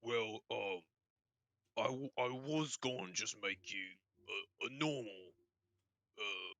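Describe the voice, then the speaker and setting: A man's voice: mid-range voice, slow pace, gravelly, bright, forceful tone, exaggerated voice. Man doing a stammering nervous orc smith. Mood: timid. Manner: stammering, hesitant. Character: nervous stuttering male orc blacksmith.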